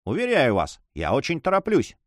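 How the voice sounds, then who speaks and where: A man voicing a haughty, cold and impatient male nobleman in an audiobook reading, pitched higher than his narration. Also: huge pitch swings, normal speed, no room sound, studio quality.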